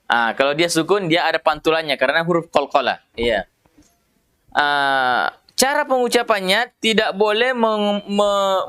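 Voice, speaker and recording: A man teaching Quran pronunciation, explaining patiently in a conversational way and slowly drawing out single syllables to demonstrate them. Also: high voice, a bit bright, smooth. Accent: Indonesian. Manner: many fillers and restarts, conversational. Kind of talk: tajwid lesson.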